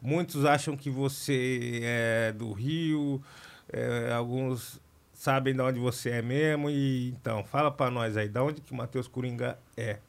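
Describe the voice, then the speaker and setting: A man's voice: medium pitch, steady tone, a little slow, vocal fry. A man hosting a podcast, upbeat and slangy, talking straight to the listeners. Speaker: podcast host. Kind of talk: casual podcast chat.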